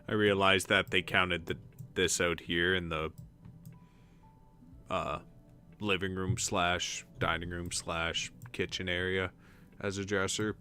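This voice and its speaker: This streamer's voice sits low, with a bright, forceful tone, as he casually talks through a decorating game and mutters to himself while arranging furniture. The style is relaxed let's-play commentary.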